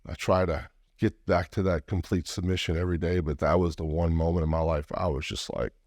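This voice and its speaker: Low-voiced Louisiana man, podcast guest, earnest heartfelt storytelling, dead-dry close recording. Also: fairly even intonation, brisk, a little mellow, no echo. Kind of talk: personal storytelling interview.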